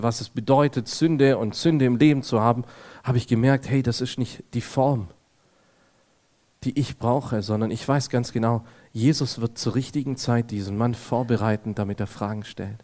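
A man preaching to a congregation, telling a personal story and acting out both sides of a conversation. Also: mid-range voice. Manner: lively, acts out both sides of dialogues.

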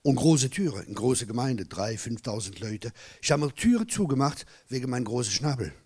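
A middle-aged man preaching a sermon as a pastor, hammering home repeated phrases and swinging between loud bursts and low, hushed asides. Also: sing-song, normal speed, husky. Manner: repeats key phrases for emphasis.

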